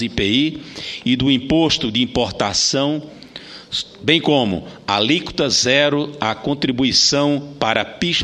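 Bright-voiced Brazilian man giving a formal speech. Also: medium pitch. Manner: formal, deliberate phrasing with occasional stumbles. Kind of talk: formal parliamentary speech read from a script.

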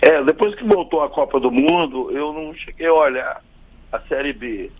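A man with a Brazilian Portuguese accent commenting on football for a radio sports show, halting and restarting often. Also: on the high side, muffled recording.

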